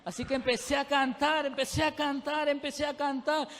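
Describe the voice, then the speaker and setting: Fervent high-voiced preacher in church. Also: male voice, little pitch movement, moderate pace, a bit bright, slight background noise. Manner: fervent, addresses the congregation directly with rising intensity. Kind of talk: sermon. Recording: long reverb of a church hall.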